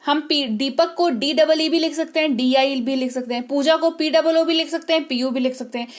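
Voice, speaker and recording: A woman teaching English spelling, speaking patiently, repeating words slowly and checking that her students follow. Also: sits high. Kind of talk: explaining spelling to learners.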